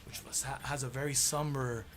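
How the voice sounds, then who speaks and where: A man's voice: mid-range voice, steady tone, brisk, a bit bright. A man, a tribute band musician chatting casually about music history, enthusiastic, laughing often and humming snippets of songs.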